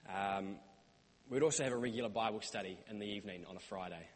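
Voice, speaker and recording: Husky New Zealand man in a hall. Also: fairly low pitch, fast. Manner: earnest, many "um" and "uh" fillers. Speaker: church intern giving a report. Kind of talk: church talk recounting a mission stay. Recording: reverberant hall sound.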